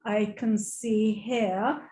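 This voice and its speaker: A woman's voice: mid-range voice, little pitch movement, drawn-out words, warm tone. A woman translating and co-presenting in an enthusiastic, chatty way on a video call, repeating and restating what is said. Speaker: interpreter and co-presenter. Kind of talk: casual chat, translating. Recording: echoey room over a video call.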